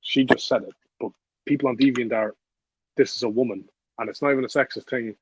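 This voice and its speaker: A young man in his late teens, appearing as a podcast guest, casually tells a story in a blunt, profane way, laughing as he goes. His mid-range voice is steady, slightly rough, and a little fast, in a dull, lo-fi, dry recording with no echo.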